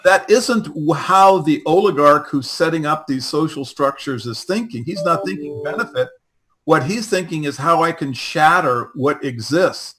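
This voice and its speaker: A man's voice: a little high, moderate pace, noisy background. A man explaining a political theory in a hesitant way, with many fillers and restarts.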